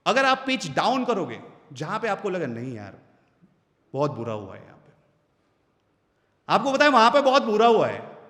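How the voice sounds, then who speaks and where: A man running a voice-over workshop at a meetup, often acting out short example lines to show different tones. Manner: animated, swings pitch and volume widely. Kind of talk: live workshop talk. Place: hall at a creators' meetup. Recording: echoey hall, long reverb.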